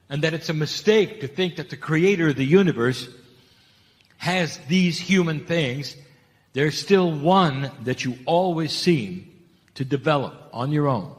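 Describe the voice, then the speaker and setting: Guy channeling spirit stuff, pitch jumps all over, lots of rhetorical questions, hall echo. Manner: emphatic, rhetorical questions, repeats key phrases. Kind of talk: channeled spiritual talk to an audience.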